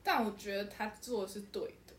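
A woman's voice: mid-range voice, fast talker. A woman, co-hosting a casual podcast and recounting events expressively. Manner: expressive, exclaims and laughs while recounting. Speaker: podcast co-host. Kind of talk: casual chat. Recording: roomy echo, faint background noise.

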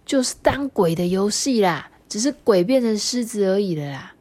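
A woman's voice: medium pitch, animated, normal speed, a little mellow, lightly acted. A woman voicing a friendly little piglet girl, a big sister in a storybook, encouraging in tone.

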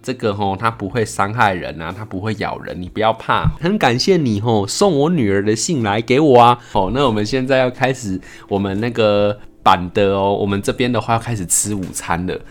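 A man voicing a chatty, easygoing male dragon king in a casual retelling, speaking in a low, offhand way. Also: a little fast, hardly any pauses, natural voice. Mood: reassuring.

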